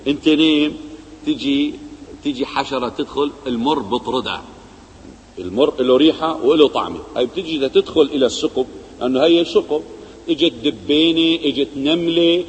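A man giving a religious lesson, asking rhetorical questions and swinging between loud emphasis and quiet low asides. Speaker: preacher. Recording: long hall reverb.

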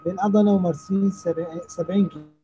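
A man's voice: high-pitched, fairly even intonation, fast, mellow. A man calls in with a question and repeats his point patiently. His voice comes through faint and unclear, as if the phone is held away from him. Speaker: caller. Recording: muffled phone line with faint background noise.

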